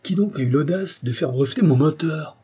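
A man reading an audiobook, voicing a nervous, excitable engineer who shouts in a strained voice. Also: on the low side, normal speed, slightly rough. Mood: enraged. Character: excitable male engineer-inventor, nervous and furious. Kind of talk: audiobook character voice.

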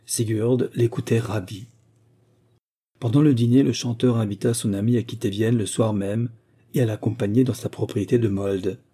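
Guy reading a novel aloud, pretty low, husky, steady pace. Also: normal speed. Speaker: narrator. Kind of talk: scripted audiobook narration.

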